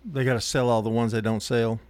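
A man's voice: mid-range voice, steady tone, brisk, a little mellow. A man, chatting and joking as a co-host on a morning radio show, speaking into a studio microphone. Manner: jokey, chatty sidekick. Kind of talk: casual radio banter.

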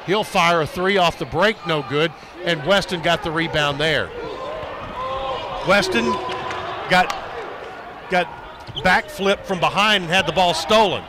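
A man's voice: fairly high pitch, background noise. An American man doing live radio basketball commentary in a dense, projected announcer voice. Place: indoor basketball arena.

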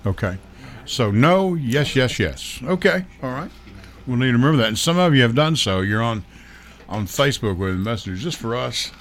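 A man's voice: medium pitch, normal speed, slight background noise. A man hosting a radio talk show on air, taking callers and chatting with his guest in a joking, easygoing way. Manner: lively, chatty, jokes with callers.

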